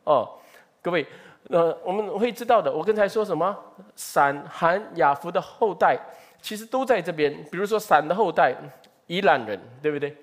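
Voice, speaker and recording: Male preacher, sermon teaching, lively pitch, conversational, asks the audience questions. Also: moderate pace.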